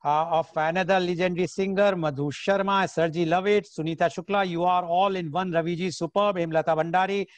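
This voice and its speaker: High-voiced North Indian man hosting. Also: steady tone, fairly quick, few pauses, dry recording. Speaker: host of an online singing show. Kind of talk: informal event hosting, reading out comments and an artist introduction.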